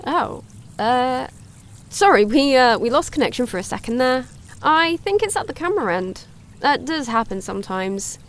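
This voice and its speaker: A chatty wildlife streamer. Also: female voice, sits high, normal speed. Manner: chatty, excitable, gasps at sightings. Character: cheerful young woman streaming woodland wildlife. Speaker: wildlife livestream host. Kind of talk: audio drama, chatty live-stream narration.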